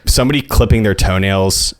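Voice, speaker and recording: A man's voice: low voice, brisk. A man co-hosting a podcast, joking around and laughing often in casual chat. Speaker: podcast co-host.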